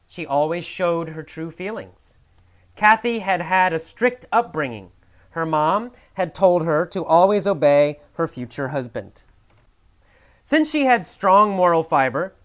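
A man teaching English through a short story, animated and expressive, slowing down for key lines and thinking aloud with fillers and self-corrections. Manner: animated storyteller, big swings in pitch and loudness, slows for key lines. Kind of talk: storytelling language lesson.

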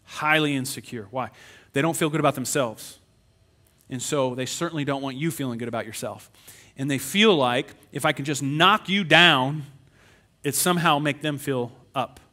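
A middle-aged man preaching a sermon as pastor, animated, breaking into whiny put-on voices when acting out complaints. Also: mid-range voice.

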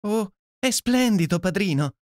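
A bubbly, girlish young goddaughter, as a male narrator puts her on, gushing and squealing with delight. Her voice is pushed very high and rings out, with dry close sound. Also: expressive, measured pace, no room sound. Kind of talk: audiobook character voice.

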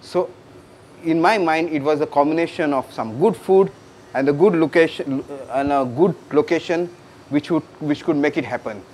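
A man's voice: a little high, measured pace, a little mellow, slight background noise. Middle-aged man, casual and hesitant. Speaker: cafe owner. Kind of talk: interview. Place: indoor room.

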